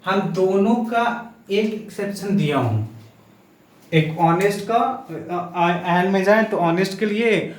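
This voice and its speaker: A man's voice: high-pitched, expressive, slow. A male English teacher. He explains grammar in a lecture, calls his students "sir" and chants the vowels. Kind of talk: classroom lecture. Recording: very echoey room, far from mic.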